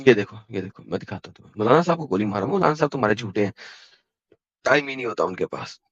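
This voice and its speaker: A man's voice: lowish voice, lively intonation, dry recording. Indian male debate host, pushy and relentless, dull dry call audio. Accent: Indian Hindi. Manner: insistent, rapid-fire, quotes verses and references. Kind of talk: heated online debate.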